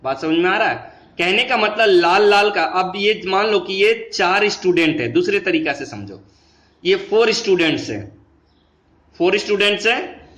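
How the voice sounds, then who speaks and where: Bright-voiced male teacher in an echoey room. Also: sits high, lively intonation. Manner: explains patiently, mixing Hindi and English, calls students "beta"; slows down and stretches words when reading English lines. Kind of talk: classroom lesson explanation.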